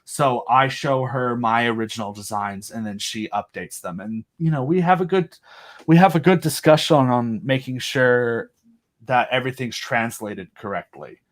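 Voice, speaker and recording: A man with a mid-range voice and moderate pace appears as an interview guest, eagerly describing the audio drama he created. The chat is casual and rambling.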